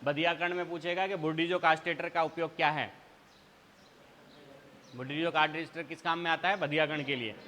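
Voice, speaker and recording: A man's voice: fairly high pitch, fairly even intonation, brisk, pauses often, bright, forceful tone. A male teacher giving an exam revision lecture, asking a question, answering it, then asking again. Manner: quizzing students with repeated call-and-response questions. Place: classroom. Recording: hall reverb.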